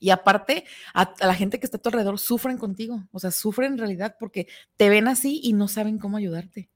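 A woman with a Mexican accent in casual chat as co-host, animated and acting out quoted people. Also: fairly quick, no room sound, studio quality. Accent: Mexican Spanish. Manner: animated, acts out quoted people in high voices.

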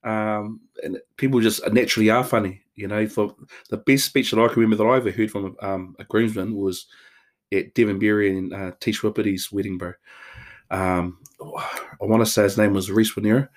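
A man's voice: fairly low pitch, fairly even intonation, moderate pace. A man with a Māori New Zealand accent co-hosts a podcast, chatting casually in a laid-back, slangy, matey way. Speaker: podcast co-host. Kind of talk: casual chat.

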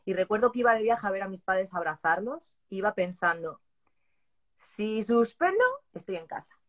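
A woman in her forties from southern Spain, telling an interviewer her personal story with strong feeling and lively quoted voices. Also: mid-range voice, normal speed. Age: 40s. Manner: animated, moved, voicing people in her story. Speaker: interviewee, police exam candidate.

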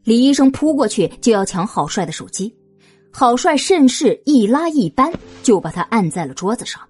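Expressive, mellow woman narrator. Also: a little high, normal speed, husky, faint music behind. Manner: expressive storytelling. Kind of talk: scripted narration of a suspense audio drama.

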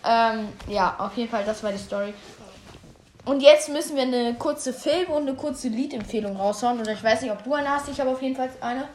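Giggly high-voiced young woman, echoey room. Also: brisk, a little mellow, slight background noise. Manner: giggly, rambling, loses her thread. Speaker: podcast co-host. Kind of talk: casual chat.

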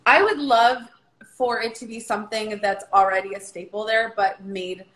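A woman's voice: mid-range voice, steady tone, moderate pace, a bit bright, echoey room, rough recording. A woman in her thirties, a podcast guest, talking in an easygoing, chatty way. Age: 30s. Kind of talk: casual chat.

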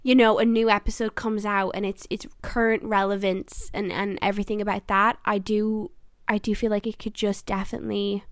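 A woman in her twenties with a medium-pitched voice hosts a casual solo podcast, recorded at studio quality with no room sound. She's chatty and earnest, using lots of fillers and restarting sentences often.

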